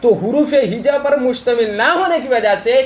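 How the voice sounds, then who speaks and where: A man teaching a religious grammar lesson. He talks slowly, repeats the key terms and keeps asking his students questions. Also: extremely high pitch, expressive, noisy background. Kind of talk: classroom lesson on Arabic grammar.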